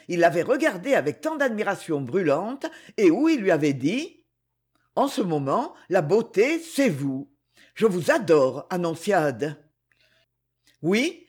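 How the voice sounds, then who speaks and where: Woman reading a novel, husky and expressive. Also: medium pitch. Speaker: audiobook reader.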